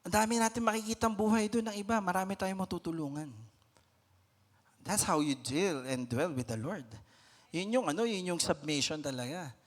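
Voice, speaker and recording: A young man with a Filipino accent preaching a lively Taglish sermon, acting out everyday scenes in raised voices. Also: high-pitched, normal speed. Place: church hall. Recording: long church reverb.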